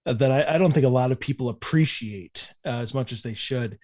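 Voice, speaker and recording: A man talking as a podcast guest in a relaxed way, with many fillers and halting starts. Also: mid-range voice, no echo, clean studio sound. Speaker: convention director, guest. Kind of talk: casual chat.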